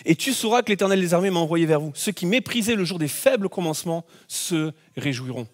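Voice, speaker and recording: A man preaching a sermon as pastor, telling a personal story with lively shouts and playful asides. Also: high voice, fairly quick. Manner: animated storytelling, acts out scenes with shouts.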